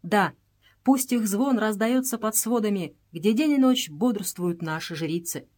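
A woman's voice: mid-range voice, a little slow, a little mellow, pitched above the performer's own voice, close to an everyday voice. A woman reading aloud and voicing a commanding royal princess with a solemn, imperious manner.

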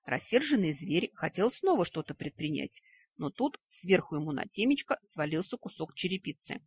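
A woman's voice: lowish voice, sing-song, normal speed, husky, no room sound. A woman narrating a fantasy story in the first person with a wry, ironic manner. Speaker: audiobook narrator. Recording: dull lo-fi recording.

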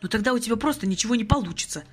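A woman's voice: fairly high pitch, animated, brisk, soft background music, pitched above the performer's own voice. A woman voicing an exasperated, level-headed young man who scolds and pleads with a friend, in an audiobook reading. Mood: indignant.

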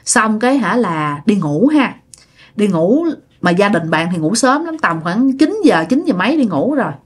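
A woman's voice: mid-range voice, very animated, moderate pace, husky. A woman telling a ghost story in a chatty way, talking straight to her listeners. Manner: chatty, addresses the listener directly. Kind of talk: casual ghost-story narration.

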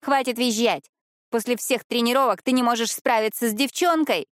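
Woman doing a shouting, bratty teenage girl. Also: on the high side, normal speed, no room sound, studio quality, pitched above the performer's own voice, lightly acted. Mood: angry scolding. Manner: shouting, scolding.

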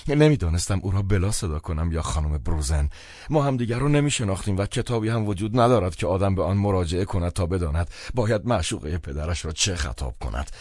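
A man narrating a novel in the first person, measured and expressive. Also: low-pitched, dry recording, clean studio sound. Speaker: audiobook narrator.

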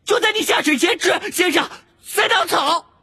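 Super high squeaky little house-elf, shrill and bright, bit gravelly, frantic and begging, storybook reading. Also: male voice, moderate pace, exaggerated voice. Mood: earnest. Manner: shrill, insistent, pleading. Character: squeaky excitable male house-elf servant.

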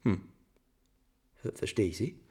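A man acts the part of an imperious, nervous, hot-tempered prince in a classical German radio drama, speaking theatrically in curt questions and commands. His voice is warm and close to an everyday speaking voice, carrying a scheming, uneasy mood.

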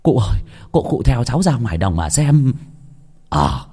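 A man playing a rich older village landowner in a ghost story, gruff and stammering. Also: mid-range voice, sing-song, normal speed, dark tone.

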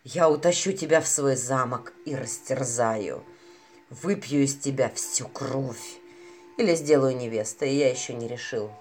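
Female narrator doing a low, gruff old vampire guy, pompous and bossy, puffing from effort. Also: unhurried, a little mellow, faint music behind. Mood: menacing. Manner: bossy, huffing with strain. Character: pompous ancient male vampire in bat form.

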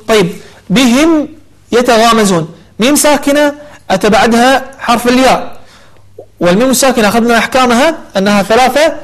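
A man teaching the rules of Quran recitation, explaining each rule and then reciting the verses slowly and drawn out. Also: extremely high pitch, rough recording. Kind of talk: tajweed lesson with slow recitation.

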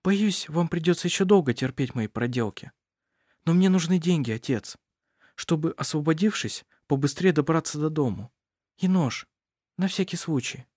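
Brief: male reader playing a resolute young woman, soft and hushed, slightly raised pitch, dry booth. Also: expressive, normal speed, dry recording. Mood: calm resolve. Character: young woman, calm, strong-willed daughter.

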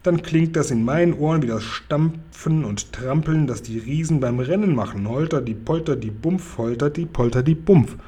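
A man voicing a big friendly old giant who brags about his hearing and plays with made-up words, in a husky, mellow voice. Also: a little high, normal speed, few pauses. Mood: proud. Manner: whimsical, playing with made-up words.

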